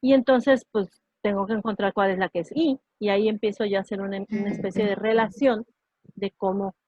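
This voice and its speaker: A woman's voice: medium pitch, steady tone, a little fast, a little mellow, no echo, lo-fi sound. A woman teaching an online English class, explaining sounds patiently and checking understanding often.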